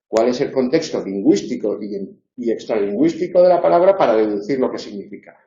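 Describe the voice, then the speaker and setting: A man's voice: on the high side, warm tone. A man from giving a university tutorial lecture, explaining patiently and checking in with his listeners. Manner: explanatory, with frequent "eh" and "¿vale?" check-ins. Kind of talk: live online tutorial lecture. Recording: echoey room, dull lo-fi sound.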